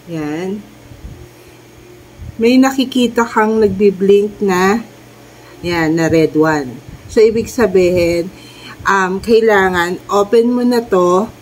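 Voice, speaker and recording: A woman's voice: mid-range voice, a little hiss or hum. A middle-aged woman with a Filipino accent, a nasal voice from a cold, chatting through a home demo of a clip-on mic as she moves between rooms. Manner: chatty, talks viewers through steps. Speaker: vlogger. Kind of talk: casual product demo. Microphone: wireless clip-on mic and phone.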